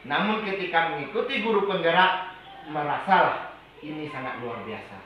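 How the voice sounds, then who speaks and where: A man presenting to fellow teachers, animated, switching between loud scolding lines and low calm asides. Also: moderate pace, distant mic, slight background noise. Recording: very echoey room, voice from off-mic.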